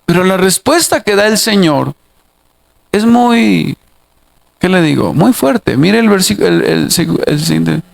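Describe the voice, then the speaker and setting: A man's voice: high-pitched, expressive, a little slow, creaky. A male pastor preaching an expository sermon, reading Bible verses aloud and putting questions straight to the congregation. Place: church.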